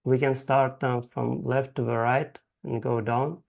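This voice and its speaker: Slow, gravelly man hosting a video call. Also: medium pitch, little pitch movement, a little mellow. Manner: halting, many filler sounds. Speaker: host and founder of the club. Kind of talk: online meeting moderation.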